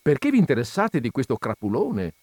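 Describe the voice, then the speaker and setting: A man voicing a sharp, scornful young woman in a raised voice. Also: medium pitch, wildly swooping pitch, a little fast, breathy edge, dry recording.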